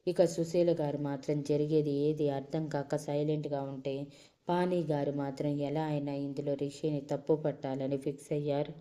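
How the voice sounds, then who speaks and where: A woman storyteller who reads an emotional love story aloud with dramatic, expressive narration. Her voice is low and very mellow, with a soft, dark tone. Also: moderate pace.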